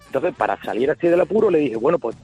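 A man's voice: fairly high pitch, very animated, very fast, mellow, breathy edge, soft background music. A man calling in to a talk show, telling a funny work anecdote in an easygoing way. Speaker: caller, pharmacist.

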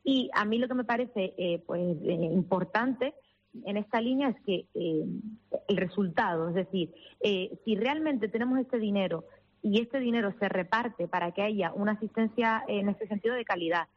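A woman lawyer from the Canary Islands, who represents minors and immigrants, speaks earnestly as a phone guest on a radio interview, with lots of fillers and restarts. Her Canarian accent carries a tinge of Castilla-La Mancha. Her voice is medium-pitched at a moderate pace, and the sound is lo-fi.

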